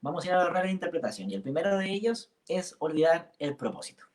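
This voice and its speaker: A man's voice: on the high side, big pitch swings, fast talker, darkish tone. A man co-hosting a singing workshop, talking casually and finishing his partner's sentences.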